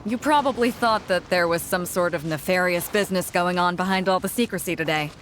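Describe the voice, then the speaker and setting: A woman's voice: lowish voice, a little fast, fairly bright tone, slight background noise, natural voice. A woman playing a confident, easygoing fleet captain in a video game, with a self-assured, wry, playful manner. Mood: wry, confiding.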